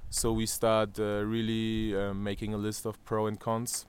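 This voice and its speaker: Slight background noise accompanies this low-ish male voice, which stays completely flat and measured. He's a German-accented man from Germany in his thirties, hesitating often with fillers and restarts while interviewed on a terrace overlooking a valley.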